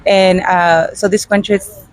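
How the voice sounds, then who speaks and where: A woman from Guatemala, interviewed outdoors in front of a restaurant, answering in a halting, hesitant way with many pauses and fillers. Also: medium pitch, steady tone, a little hiss or hum, rough recording. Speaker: interview guest. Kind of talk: unscripted street interview.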